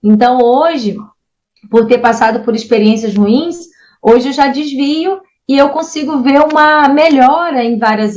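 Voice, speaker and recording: Woman, psychologist guest, very high voice, measured advice, explanatory interview. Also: a little mellow, dull audio. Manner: measured, advising, checks in with "entende?" and "tá?".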